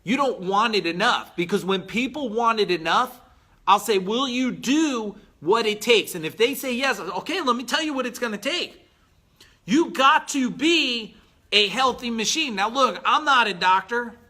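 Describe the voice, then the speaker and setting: A business coach in his forties delivers a blunt, emphatic motivational talk on a live stream in a high, pushed, bright voice, clearing his throat now and then.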